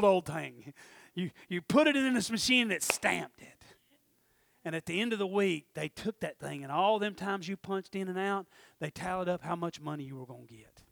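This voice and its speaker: A middle-aged man preaching a sermon, swinging from shouted urgency to low, intimate asides. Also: gravelly, dry recording.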